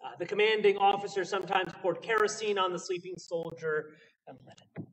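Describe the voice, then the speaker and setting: A man's voice: sits high, steady tone, fairly quick, a bit bright, distant mic, a little hiss or hum, poor audio. A man pastor preaching a sermon, opening with prayer and telling stories earnestly.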